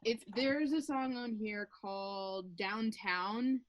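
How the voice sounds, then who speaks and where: A woman's voice: mid-range voice, takes it slowly, a little hiss or hum. A woman guest on a podcast video call, chatting eagerly and swearing casually while showing off her records. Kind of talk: casual chat about vinyl records.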